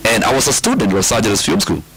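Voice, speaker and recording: A man's voice: on the low side, very animated, very fast, fairly bright tone, rough recording. A middle-aged man from Kenya with a Kikuyu Kenyan accent, talking casually and emphatically as an interview guest, like a storyteller. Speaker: guest, comedian.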